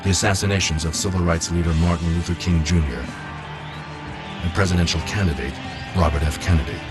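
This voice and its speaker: A man's voice: low voice, fairly even intonation, fairly quick. A man reading scripted narration as a documentary narrator. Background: prominent music.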